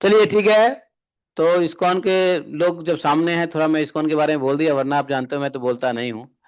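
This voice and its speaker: Guy giving a spiritual talk, kinda high voice, jokey, keeps asking the crowd stuff. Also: fairly even intonation, a little fast, clear, resonant tone. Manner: bantering, asks listeners rhetorical questions. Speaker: spiritual teacher. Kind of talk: Hindi devotional discourse.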